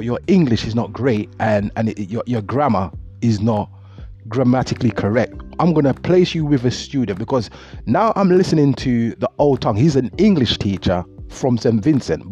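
Speaking with a mellow, husky mid-range voice, a middle-aged motivational speaker from Jamaica offers earnest advice in a reflective monologue and frequently repeats words. The audio is dull and lo-fi, with faint music underneath.

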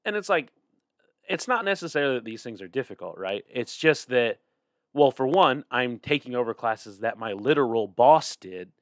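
A medium-pitched voice with lively intonation and a moderate pace belongs to a young podcast co-host who's getting over a cold. He chats casually, tired and yawning, rambling and laughing often, in studio-quality audio without echo.

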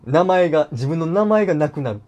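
A man's voice: a little high, lively intonation, fairly quick, darkish tone. A man in his twenties with a Kansai accent, chatting casually as a podcast co-host, teasing and laughing often. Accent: Kansai Japanese. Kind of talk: casual chat.

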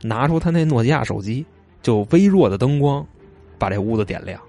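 A man's voice: mid-range voice, lively intonation, brisk, warm tone, soft background music. Chatty man telling stories. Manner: chatty, retells stories with loose asides. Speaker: storyteller. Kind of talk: casual storytelling chat.

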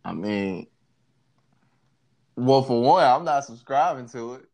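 A man's voice: medium pitch, expressive, slow pace, darkish tone. A young man chatting casually as a co-host, slangy and joking, in the easy manner of a guy talking with his bros. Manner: laid-back bro talk, slangy, joking.

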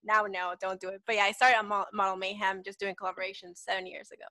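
A petite model in her twenties from El Salvador chats casually as an interview guest, speaking with a Salvadoran Spanish accent and saying "like" a lot. Her voice is medium in pitch and level, with a quick pace and a sharp tone, captured in a dry recording.

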